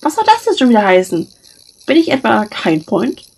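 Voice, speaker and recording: A woman's voice: a little high, wildly swooping pitch, moderate pace, vocal fry, a little mellow, breathy edge, pitched above the performer's own voice, heavily acted. A woman reading aloud and voicing a talkative, pouty blond teenage boy who whines and pleads insistently. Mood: indignant.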